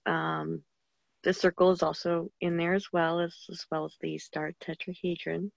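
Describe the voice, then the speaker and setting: A woman on a video call casually explaining an image she made, in a relaxed way. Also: fairly low pitch, moderate pace, creaky, dry recording. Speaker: participant sharing a picture. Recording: dull, dry lo-fi call audio.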